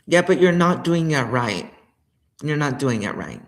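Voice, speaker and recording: A woman's voice: low voice, big pitch swings, measured pace. A woman giving an intense, dramatic personal monologue as a vlogger, repeating herself often.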